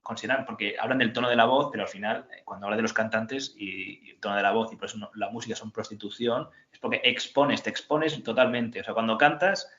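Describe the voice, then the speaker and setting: A man's voice: on the low side, steady tone, fast, hardly any pauses, fairly bright tone. A man hosting a casual book discussion, rambling with fillers and reading passages aloud. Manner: rambling, reads quotes aloud, many fillers. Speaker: podcast host. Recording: roomy, dull lo-fi sound.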